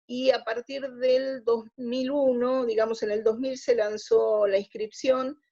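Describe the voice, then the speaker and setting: An Argentine woman whose first language is Spanish is a guest on a conversational radio interview, explaining her opinions and often rephrasing mid-sentence. Her voice is a little high, creaky, slightly mellow and somewhat rough, and the audio sounds dull.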